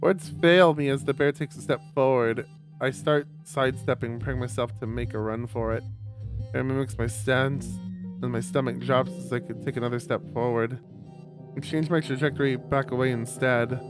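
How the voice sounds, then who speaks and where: A man streaming a visual novel, reading the story aloud in a lowered voice with loud reactions. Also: steady tone, moderate pace, music in the background. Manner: reads narration in a lowered voice, reacts with loud exclaims. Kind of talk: reading a story game aloud with chatty asides.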